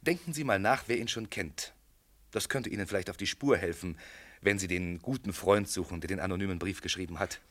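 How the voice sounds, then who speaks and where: In a German radio play, a male actor plays a shrewd, unhurried police inspector who probes in a courteous, matter-of-fact way. His voice is low with a fairly bright tone.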